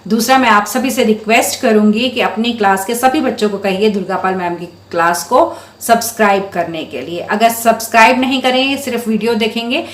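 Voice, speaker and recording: A woman teaching young children to read, sounding out syllables slowly and clearly in a patient, encouraging way. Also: on the high side, roomy sound. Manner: drawn-out syllables for sounding out words. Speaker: primary school Hindi teacher.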